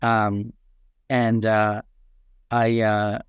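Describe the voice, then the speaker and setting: Man from Nepal in his thirties, clear resonant voice, dry close sound, hesitant guest telling his story. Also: on the low side, completely flat delivery, no echo, dull audio. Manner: halting, many fillers and restarts. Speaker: podcast guest. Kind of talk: casual interview chat.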